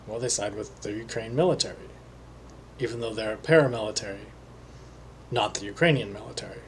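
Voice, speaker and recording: A man talking alone as a psychic reader, slowly and hesitantly, with many pauses and fillers. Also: medium pitch, a little hiss or hum. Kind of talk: solo monologue.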